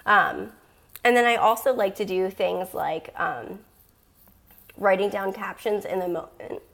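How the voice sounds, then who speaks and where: A woman's voice: mid-range voice, measured pace, creaky, fairly bright tone. A woman talking casually to her viewers, giving social media tips in a chatty, rambling way full of ums and likes. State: losing her voice.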